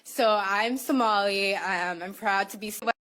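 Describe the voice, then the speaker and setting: Hesitant bright-voiced woman. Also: mid-range voice, normal speed. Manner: hesitant, filler-heavy. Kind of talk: halting on-camera statement.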